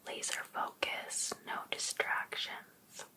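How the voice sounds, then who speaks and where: A woman plays an obsessive, sweetly pushy life coach in an ASMR roleplay, whispering breathily in a coaxing, deliberate way. Her tone is pushed and bright, and the mood is possessive and insistent.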